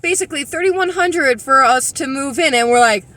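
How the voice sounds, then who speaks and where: A woman's voice: high-pitched, moderate pace, fairly bright tone. A woman chatting casually on a vlog, chiming in with brief remarks beside her partner. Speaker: vlogger.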